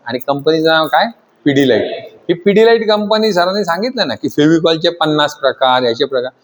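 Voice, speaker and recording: Male instructor, high voice, quizzing students in a training classroom. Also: animated, a little fast. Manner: asks the class constant questions and pushes them to answer louder. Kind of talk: classroom lecture.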